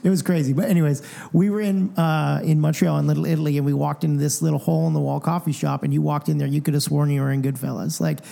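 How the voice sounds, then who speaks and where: A man co-hosting a podcast, chatting casually and telling lively anecdotes. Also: on the high side, fast, vocal fry, few pauses. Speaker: podcast co-host. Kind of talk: casual chat.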